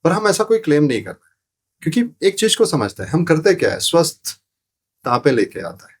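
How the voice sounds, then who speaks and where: A podcast guest explains spiritual ideas briskly and with great animation in a slightly rough, high-leaning voice. He's a sound therapy teacher, and his interview talk is didactic, marked by rhetorical questions and repeated phrases.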